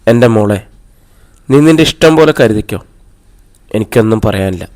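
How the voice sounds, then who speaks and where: A man's voice: fairly low pitch, animated, moderate pace, a little mellow, close to an everyday voice. A man reading the part of a stern, worried middle-aged mother who scolds her daughter.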